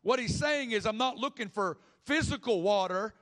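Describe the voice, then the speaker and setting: A man's voice: sits high, lively intonation, moderate pace, fairly bright tone. A man preaching a sermon with passion, acting out the people in the story he tells. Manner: impassioned, acts out the people in the story.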